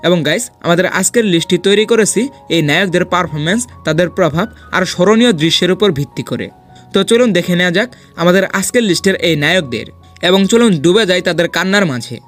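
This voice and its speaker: Guy doing a dramatic countdown voiceover, high voice, talks fast. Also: animated, a bit bright, faint music behind. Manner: dramatic, persuasive countdown delivery. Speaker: host of a film ranking video. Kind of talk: scripted voice-over narration.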